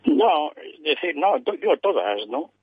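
A man's voice: on the high side, big pitch swings, unhurried, slightly rough, no room sound, narrow, tinny audio. A man commenting on a radio panel, thinking aloud and ending phrases with tag questions. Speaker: economics commentator.

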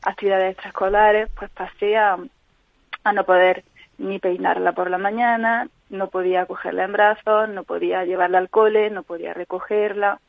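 A woman's voice: mid-range voice, little pitch movement, gravelly, no echo. Earnest woman over a phone line. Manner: earnest, halting, frequent restarts. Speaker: guest, mother living with chronic pain. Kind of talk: personal account in a call-in interview. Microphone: telephone. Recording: tinny phone line on radio.

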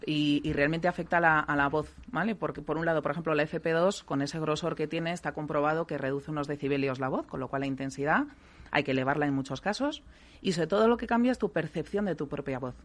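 A woman from working as a voice therapist, calmly explaining things in a radio interview and often checking in with "¿vale?". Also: low-pitched, quick pace. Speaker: voice therapist guest.

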